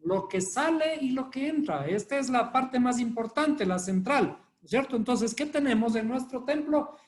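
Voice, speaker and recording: A man's voice: very high voice, animated, normal speed. A man teaching a live Bible study class, constantly quizzing his listeners with rhetorical questions. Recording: echoey room with faint noise.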